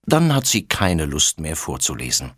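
A man narrating a children's storybook as an audiobook reader, with an expressive storytelling melody. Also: a bass voice, normal speed, breathy edge, dry recording, clean studio sound.

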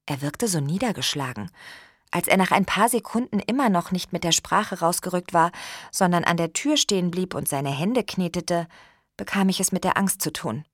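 Low-voiced woman narrating an audiobook. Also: no room sound, clean studio sound. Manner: calm, measured first-person reading.

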